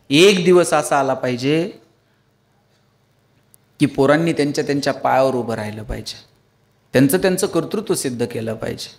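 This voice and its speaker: A man giving a motivational lecture to an audience, telling funny stories and pleading with his listeners. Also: a little high. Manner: storytelling with humor, pleading with the audience. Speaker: public speaker.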